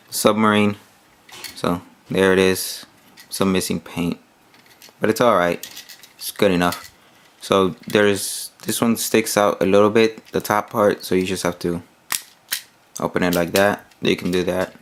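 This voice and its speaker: A man giving a casual, hands-on toy review, rambling with many fillers while he demonstrates the pieces. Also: deep voice.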